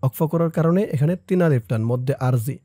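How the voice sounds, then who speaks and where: A man teaching Quran reading, chanting words slowly and explaining each letter rule in a lower voice. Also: warm tone, slightly rough, dry recording, studio quality. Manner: recites verses in a chanting tone, then explains spelling rules in a lower, quicker voice. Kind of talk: slow step-by-step recitation lesson.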